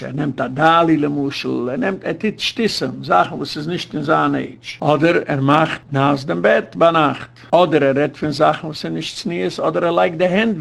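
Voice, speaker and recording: A man's voice: on the high side, creaky. A man speaking as a rabbi, giving an earnest lecture full of advice, with English words mixed into his speech.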